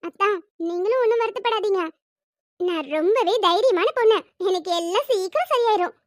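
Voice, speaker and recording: A performer voicing a cheerful, curious teenage younger sister who is bright, chatty and playfully insistent. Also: very high voice, brisk, no room sound, studio quality.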